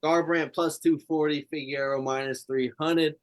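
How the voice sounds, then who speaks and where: A man hosting a casual sports podcast, talking excitedly and rambling, swearing freely. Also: fairly high pitch, moderate pace. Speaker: podcast host.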